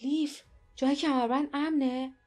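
Woman doing a grim warrior man speaking in a low hush, storybook read. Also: fairly even intonation, faint music behind, natural voice.

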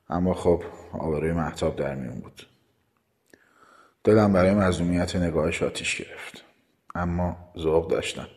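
Deep male narrator for a first-person romance, low and intimate, unhurried. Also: darkish tone.

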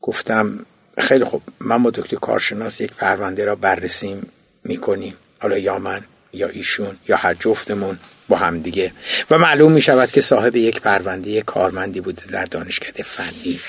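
A man, the author, reading his own memoir as an audiobook in a recording studio, in a low, subdued storytelling manner. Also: vocal fry, husky, no echo.

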